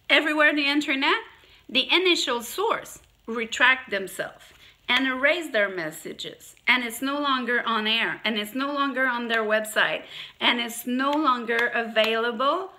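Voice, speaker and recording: A woman with a French accent, talking straight to her viewers with emphasis and many halting restarts, a little congested from allergies. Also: high-pitched, pushed and bright. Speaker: YouTuber. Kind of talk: direct-to-camera monologue.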